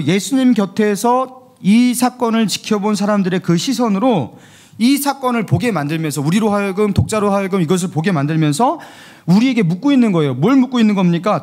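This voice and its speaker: A man's voice: sits high, a little mellow. A man, the pastor, preaching a Sunday sermon and asking the congregation questions as he goes.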